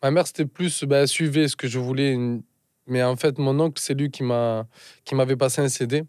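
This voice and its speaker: A musician from Marseille with a southern French accent, chatting casually in an interview, often searching for words and slipping in English. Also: male voice, mid-range voice, fairly even intonation, a little fast, a little mellow, dry recording. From Marseille, France. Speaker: musician guest.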